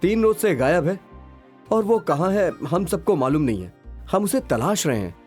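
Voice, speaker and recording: A woman's voice: lowish voice, very animated, moderate pace, a little mellow, soft background music. A woman dubbing a playful young male friend in a film, speaking in flowery, teasing phrases. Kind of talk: dubbed film dialogue.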